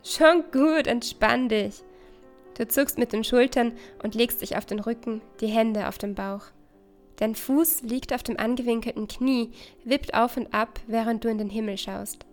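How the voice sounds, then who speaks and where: A woman's voice: on the high side, fairly even intonation, moderate pace, darkish tone, soft background music. A woman reading a second-person story aloud in an intimate, conversational way.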